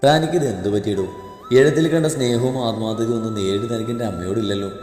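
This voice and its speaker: A man voicing a patient young husband who speaks mildly and tries to calm his wife, in a story reading. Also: fast talker, natural voice. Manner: mild, low, placating. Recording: echoey reverberant audio with music.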